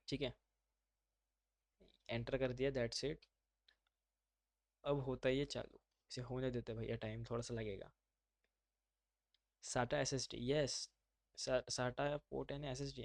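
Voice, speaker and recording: A man's voice: medium pitch, no room sound. A man teaching a live online class, talking students through steps in an informal, chatty way. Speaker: instructor.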